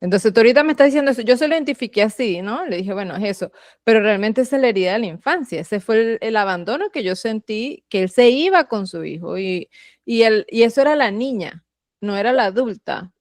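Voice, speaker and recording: A woman's voice: on the high side, animated, fairly quick, no echo, clean studio sound. A woman host, telling a personal story casually and laughing at herself. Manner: candid, self-mocking anecdotes. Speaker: podcast host.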